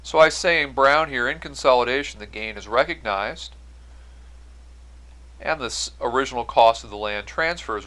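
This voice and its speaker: Talking through on-screen notes, a male instructor explains accounting-style material one step at a time, putting emphasis on key phrases. He speaks in a mid-range voice with a sharp edge.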